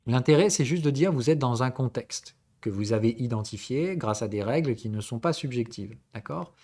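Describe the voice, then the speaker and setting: A man from southern France hosts a live-streamed trading lesson and answers questions from the chat as they come up. His voice sits in a middle pitch. He explains in a relaxed, conversational way and keeps stopping to check that the audience is following. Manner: conversational tutoring, mixing formal and familiar address. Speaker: trading instructor and stream host.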